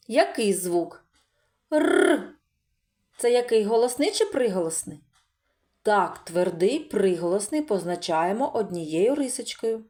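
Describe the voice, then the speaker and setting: A woman with a slightly high, lively voice leads a phonics lesson for small children. She talks slowly, stretches out each word, and asks questions she then answers herself. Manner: sounds out words slowly and stretches them. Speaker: preschool teacher. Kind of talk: slow, clear phonics lesson for young children.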